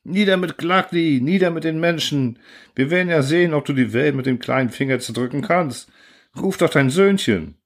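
A man voicing an outraged mob of tiny non-human beings in an audiobook reading, shouting shrill accusations. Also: moderate pace, close to an everyday voice. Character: furious mob of tiny bubble-world beings.

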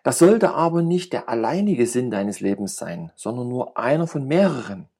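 A man's voice: mid-range voice, sing-song, moderate pace, gravelly, darkish tone, breathy edge, exaggerated voice. A man reading aloud and voicing a jovial, talkative middle-aged friend who rambles and teases with cynical humor. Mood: playful teasing. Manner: rambling, playful banter.

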